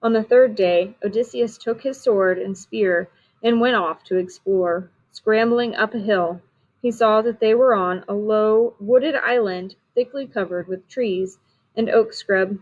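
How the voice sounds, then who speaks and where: A woman reading a storybook aloud in a steady, clear manner, on a dull lo-fi recording. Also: mid-range voice, unhurried. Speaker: reader.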